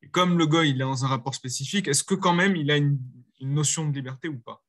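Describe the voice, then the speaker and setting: A man's voice: a little high, fast, fairly bright tone. A man in a class discussion who thinks aloud and asks the teacher searching questions. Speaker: student.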